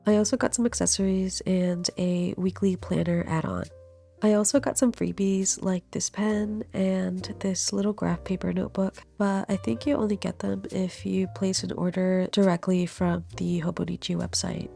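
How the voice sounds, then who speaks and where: Creaky and mellow in the mid-range, this young woman's voice is congested and nasal from a cold. She's a vlogger doing relaxed voiceover narration on a studio voiceover mic, talking in an easygoing, chatty way with laughter mixed in.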